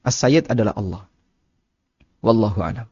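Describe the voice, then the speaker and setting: Calm man teaching a religious class. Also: on the low side, moderate pace, breathy edge, no echo. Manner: calm, explanatory, informal asides. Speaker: Islamic teacher answering questions. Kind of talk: religious study Q&A. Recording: dull muffled dry recording.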